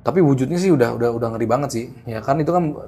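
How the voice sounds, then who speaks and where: A young man casually tells a horror story in a lively, slangy way. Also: mid-range voice, rapid-fire, soft background music. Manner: animated, acts out the people in his story, slangy. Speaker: guest storyteller.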